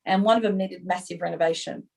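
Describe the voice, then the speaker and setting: A woman's voice: fairly low pitch, fairly even intonation, quick pace, creaky, a little mellow, rough recording. A middle-aged woman, an interview guest telling her story candidly and acting out her own past dialogue.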